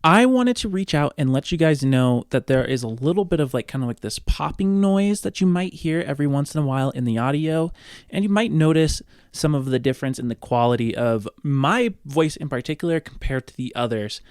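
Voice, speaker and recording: With a brisk delivery and lively intonation on the high side, this man hosts a tabletop role-playing podcast as its game master. He keeps things chatty and informal, addressing listeners directly while narrating the game and talking casually.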